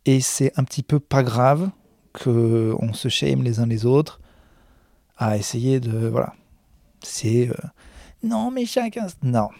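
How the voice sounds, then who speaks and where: A stand-up comedian rambling backstage in a self-mocking vlog monologue, full of hesitations, into a handheld recorder. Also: male voice, mid-range voice, lively intonation, slow, creaky, pauses often, mellow, no room sound, studio quality. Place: backstage room of a comedy club.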